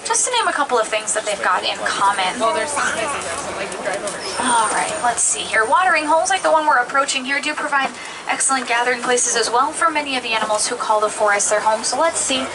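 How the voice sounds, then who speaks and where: A woman's voice: expressive, brisk, crowd noise. A woman working as a safari guide, giving upbeat, friendly live commentary to passengers from an open truck. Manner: upbeat, friendly, addressing the group directly. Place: open-sided safari truck outdoors, moving. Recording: noisy open vehicle, engine and outdoor rumble.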